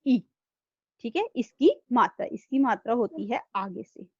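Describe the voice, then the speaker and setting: A woman's voice: fairly high pitch, expressive, a little slow, darkish tone, husky, dry recording, dull audio. A woman teaching an online class to young children, patient and repeating herself. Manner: patient, repeats "thik hai?" after nearly every line. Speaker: primary school teacher. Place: home room, online video class.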